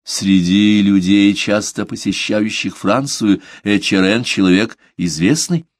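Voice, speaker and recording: A man voicing a devout male merchant who answers politely, measured and quietly firm, in an audiobook. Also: on the low side, dry recording, studio quality. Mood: composed. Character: calm devout male merchant under questioning. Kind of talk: audiobook character reading.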